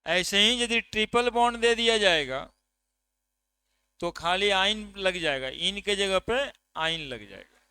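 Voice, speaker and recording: A man's voice: high-pitched, lively intonation, measured pace, pushed and bright, smooth, no room sound. A man from India teaching a chemistry class, counting atoms aloud and checking with his students. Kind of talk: classroom lecture.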